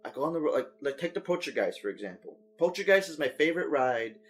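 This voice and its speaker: A man's voice: a little high, very animated, fast, faint music behind. A man co-hosting a casual podcast chat, telling rambling stories full of swearing. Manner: rambling, profane storytelling. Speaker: podcast co-host.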